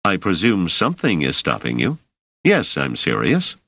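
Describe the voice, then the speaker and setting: A man voicing a curious, polite male scholar with a measured, mildly wry manner. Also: low-pitched, wildly swooping pitch, vocal fry, fairly bright tone, slightly rough, dry recording, studio quality, full character voice.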